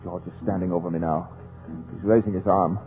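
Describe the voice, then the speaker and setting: In 1940s radio drama, an actor plays a terrified, paralyzed male writer, narrating with dread in a low, steady, brisk voice that is only lightly acted. His fearful narration turns from frantic to hushed, on an old, low-quality radio recording with music.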